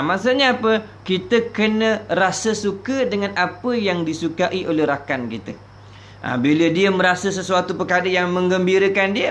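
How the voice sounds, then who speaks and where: A man with a Terengganu Malay accent teaching from a religious book, explaining slowly and repeating key phrases with many filler sounds. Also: high voice, fairly bright tone, a little hiss or hum.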